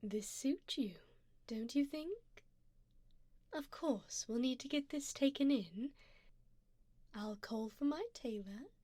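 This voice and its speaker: This ASMR roleplay features a woman as a doting, wealthy vampire sugar mommy, her high-pitched voice soft, breathy and often dropping to a whisper on a close binaural mic with no echo. She sounds admiring and intimate, speaking slowly in a genteel, formal, seductive way.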